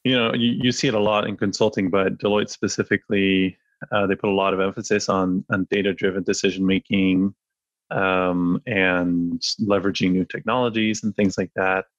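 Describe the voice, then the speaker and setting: Born in France and brought up in Spain, this podcast guest, a data analyst, answers reflectively in a relaxed interview, his speech full of fillers and false starts. He talks low and flat at a normal pace, on a dry recording with the highs cut off.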